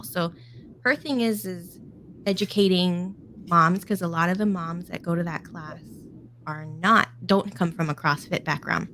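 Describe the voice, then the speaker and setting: A woman's voice: medium pitch, a bit bright, slight background noise. A woman chatting casually and encouragingly as a guest mom, often laughing. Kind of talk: casual chat.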